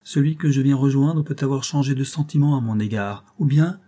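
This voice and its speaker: A lonely, faded governess, played by a man reading a novel aloud, with a sad, hurried, pleading delivery. The voice sits a little higher than a man's usual speech and has a husky, warm grain. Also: close to an everyday voice. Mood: anxious.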